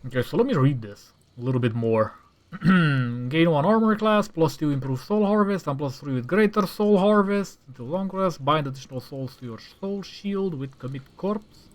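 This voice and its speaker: This host of a gaming channel, a Romanian man whose first language is Romanian, talks at a moderate pace in a fairly high voice with lively intonation. While showing a mod, he muses aloud in casual commentary and bursts into exasperated rants.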